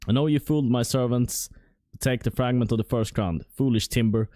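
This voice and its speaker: A man voicing a scheming old female witch in a higher, mocking tone while reading game dialogue. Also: brisk, warm tone, dry recording, studio quality, natural voice. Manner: mocking, sly, theatrical.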